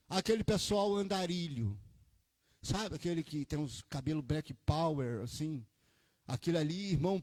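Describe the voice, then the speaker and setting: Male pastor, high voice, animated storytelling sermon with swings from quiet to emphatic, dry close sound. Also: no room sound. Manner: animated preaching, swings from quiet asides to loud emphatic peaks. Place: church.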